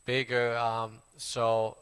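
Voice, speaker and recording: A man in his forties from Finland with a Finnish accent, a Buddhist monk casually introducing himself in halting English full of fillers and restarts. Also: mid-range voice, completely flat delivery, fairly bright tone, smooth. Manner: halting, many fillers and restarts, plain friendly telling. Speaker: Buddhist monk giving a talk. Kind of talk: casual spoken self-introduction.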